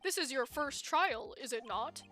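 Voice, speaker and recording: A woman voicing a stern older male judge in a game playthrough, speaking formally and measured. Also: sits high, animated, bright, forceful tone, faint music behind.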